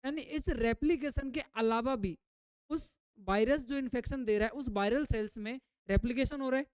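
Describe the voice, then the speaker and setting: A woman whose voice is a little high, darkish and clean lectures on biology at normal speed, with no room sound. She frequently questions her students and then repeats the answers herself while mixing in English terminology.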